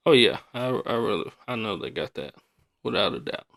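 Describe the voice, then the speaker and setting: A man's voice: on the low side, lively intonation, moderate pace, fairly bright tone. A man hosting a podcast in a casual, rambling, colloquial way, often repeating himself. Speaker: podcast host.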